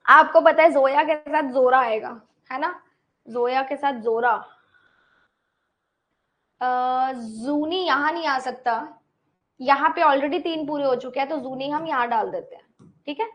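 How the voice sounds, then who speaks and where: A woman's voice: sits high, measured pace, pauses often, a bit bright. A woman teacher explaining a puzzle step by step, repeating items and checking in with her students. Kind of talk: online class explanation.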